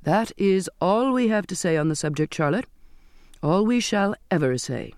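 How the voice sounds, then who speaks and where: A man's voice: high-pitched, expressive, moderate pace, clean tone, no echo, studio quality. A man voicing a strict, cold Victorian father who gives formal commands in an audiobook. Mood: contemptuous scolding. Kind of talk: audiobook character voice.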